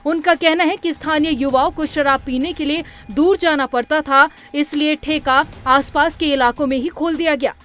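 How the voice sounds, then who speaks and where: A woman news reporter reads a scripted report in a high, emphatic voice. Faint music plays underneath. Her delivery is brisk and forceful. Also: steady tone.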